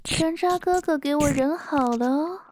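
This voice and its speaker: A woman's voice: sits high, normal speed, darkish tone, a little hiss or hum, natural voice. A woman playing a scornful, domineering young girl in an ASMR role-play, mocking and coaxing her listener. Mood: cold, commanding.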